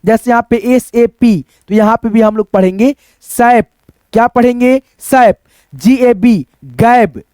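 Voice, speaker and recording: A man with a very high, slightly mellow voice speaks a little slowly in a dry recording. At a whiteboard, he teaches English phonics, spelling out letters, repeating each word, and answering the questions he puts to the class.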